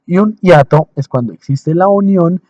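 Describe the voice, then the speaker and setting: A male teacher giving a recorded lecture over slides, explaining in short, slow phrases, repeating points and checking in with his listeners. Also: high voice, darkish tone, dry recording, muffled recording.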